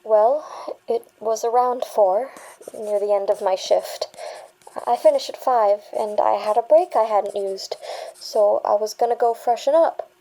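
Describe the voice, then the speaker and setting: A young female bank worker's witness statement is performed by a woman in an audio drama. Her voice is fairly high, soft-edged and a touch dark, and she comes across shaken, stammering and halting while still defending herself insistently. Sound quality is rough.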